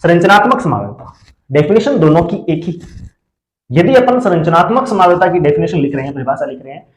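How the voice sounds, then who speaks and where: A man teaching a chemistry class, who asks questions and answers them himself and repeats key terms slowly so students can write them down. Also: fairly high pitch, lively intonation, roomy sound, a little hiss or hum, low-quality recording. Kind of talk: classroom lecture.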